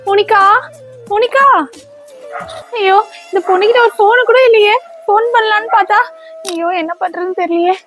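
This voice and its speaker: A woman playing a shrill, bossy stepmother. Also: steady tone, normal speed, pauses often, soft background music. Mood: frantic. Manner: scolding, then frantic calling out. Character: bossy stepmother, adult woman, stern and fretful. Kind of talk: comedy skit acting.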